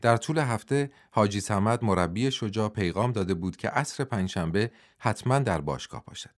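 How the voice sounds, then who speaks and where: A man narrating a novel aloud in a dramatic, expressive storytelling manner. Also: lowish voice. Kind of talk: audiobook narration.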